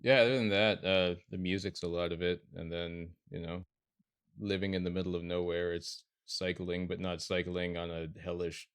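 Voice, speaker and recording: A man co-hosting a podcast, relaxed and joking, swearing casually in friendly chat. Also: low voice, normal speed, smooth, no room sound, clean studio sound. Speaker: podcast co-host and editor.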